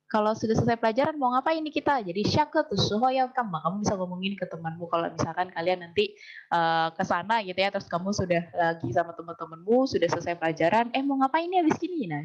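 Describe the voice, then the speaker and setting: A woman teaching a language class. She explains things patiently, slows right down to drill phrases, and keeps quizzing her students. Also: on the low side, lively intonation, highs cut off. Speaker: Mandarin teacher.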